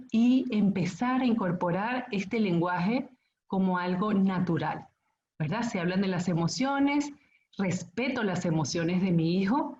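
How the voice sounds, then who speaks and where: Calm woman speaker in a roomy hall. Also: mid-range voice, highs cut off, slight background noise. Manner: calm, explanatory, often checks in with "ok?". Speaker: school conference speaker. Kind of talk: parenting talk to parents.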